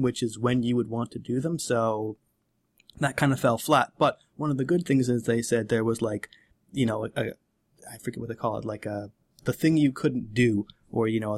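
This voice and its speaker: A man who runs the game, talking casually on a podcast about tabletop play, rambling and correcting himself as he goes. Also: mid-range voice. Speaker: game master.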